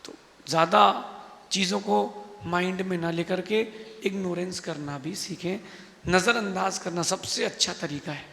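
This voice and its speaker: High, bright-voiced monk preaching in a hall. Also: male voice, normal speed, gravelly. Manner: emphatic, rhetorical, preachy. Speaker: Jain monk. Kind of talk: sermon. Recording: echoey hall.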